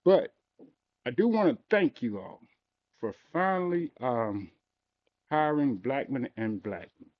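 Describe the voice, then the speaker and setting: A man's voice: medium pitch, animated, slow pace, long pauses. A man from Mississippi, speaking earnestly and insistently during public comment, heard on a courtroom-style meeting recording. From Mississippi, USA. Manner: earnest and insistent, pressing his points. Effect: lo-fi public meeting hall recording, like a courtroom tape. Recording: dull lo-fi meeting room recording.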